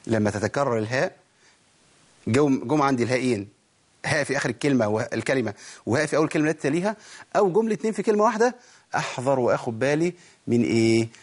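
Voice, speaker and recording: A man with an Egyptian Arabic accent teaches Quran recitation in a recorded lesson, his medium-pitched voice full of lively intonation. He asks rhetorical questions and stretches out example words slowly to demonstrate them.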